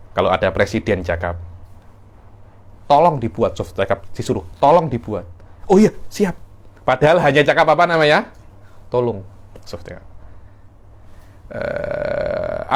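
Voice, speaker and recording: A man teaching Islamic legal theory in a class, explaining the text and acting out short examples. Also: lowish voice. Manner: explains in a mix of Malay and Arabic terms, with acted examples.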